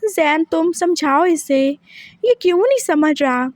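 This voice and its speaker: A woman's voice: very high voice, animated, takes it slowly, dry recording, pitched above the performer's own voice, exaggerated voice. A woman reading a story aloud, voicing a young husband who pushes hard with repeated questions. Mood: pleading. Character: intense possessive young husband, man.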